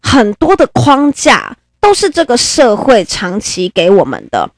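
A woman who hosts a podcast, telling stories in a chatty, animated way and laughing often. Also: mid-range voice, measured pace, no room sound, clean studio sound. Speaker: podcast host. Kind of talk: casual storytelling podcast.

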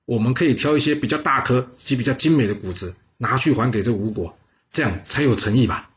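A man's voice: mid-range voice, a little fast, muffled recording, close to an everyday voice. A man doing a clever, deferential advisor. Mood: reassuring.

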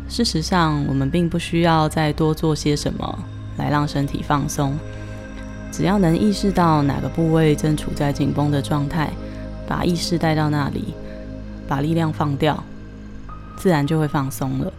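A woman leading a guided breathing and relaxation meditation in a calm, gentle, soothing manner with deliberate pauses. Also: low voice, creaky, music in the background.

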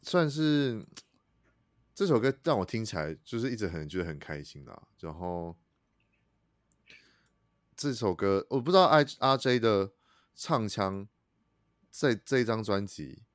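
A man's voice: on the low side, animated, a little slow, pauses often, dry recording, studio quality. A man hosting a casual chat interview, hesitant and repeating words, often laughing. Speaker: podcast host.

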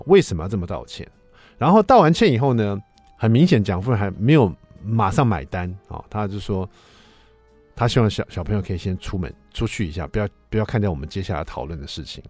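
A man around fifty, a radio host telling a personal story in a casual monologue, acting out the voices he quotes and swinging between loud and soft. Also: fairly low pitch, slightly rough. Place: radio studio. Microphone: studio microphone.

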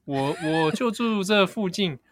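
A man's voice: high voice, expressive. A man with a Taiwanese Mandarin accent, co-hosting a casual chat in a playful, teasing way. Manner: playful teasing, quick laughs. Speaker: podcast co-host.

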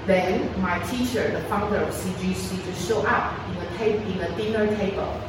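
A woman's voice: medium pitch, steady tone, normal speed. A woman in her forties from Taiwan, whose first language is Mandarin, giving a chatty personal testimony talk at a sharing event, repeating words and laughing often. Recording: echoey room from far off, noisy.

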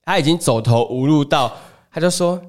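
Speaking at a normal pace in a slightly high voice, this Taiwanese-Mandarin-accented man co-hosts a casual podcast. He's a chatty storyteller who recounts family anecdotes, voicing the dialogue as he goes.

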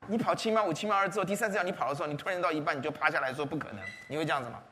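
A pastor preaches an animated sermon in a church hall, often firing rhetorical questions at the congregation. His voice is fairly high and very fast, with long hall reverb and slight background noise.

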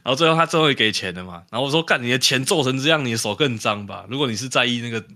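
A young man with a Taiwanese Mandarin accent, telling stories as a podcast co-host in an animated way, often laughing. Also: medium pitch, very fast. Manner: animated retelling, acts out quotes, frequent laughs. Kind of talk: casual chat, storytelling.

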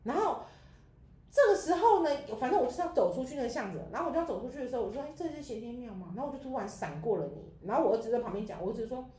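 A woman co-hosting a casual chat, telling an animated story and acting out her own past words. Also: fairly high pitch, rapid-fire, reverberant. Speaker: podcast co-host.

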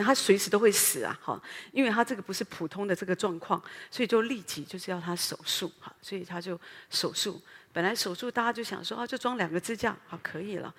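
A middle-aged woman pastor with a Taiwanese Mandarin accent, preaching an earnest, animated sermon full of fillers and rhetorical questions. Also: medium pitch, slightly rough. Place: church sanctuary. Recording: long hall reverb.

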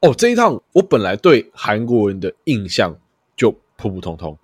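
A man tells travel stories on a podcast in a deep, low voice. He mostly chats easily, then jumps up in excitement. The sound is close and dry. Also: moderate pace, slightly rough, dry recording. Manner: chatty travel storytelling with bursts of excitement. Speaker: podcast host. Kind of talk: casual chat.

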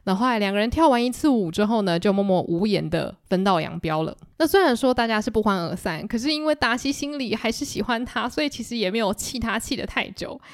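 A woman hosting a podcast, casually retelling a novel in a chatty, animated way. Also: fairly high pitch, fast talker, few pauses, no echo, studio quality. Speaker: podcast host. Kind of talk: casual book-club retelling.

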